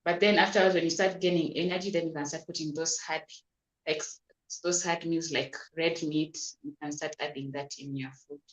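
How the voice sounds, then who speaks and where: A woman's voice: sits low, fairly even intonation, moderate pace. A woman doctor, patiently explaining health advice in an interview, often repeating words and restarting. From Kenya. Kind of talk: advisory interview answers. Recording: roomy echo.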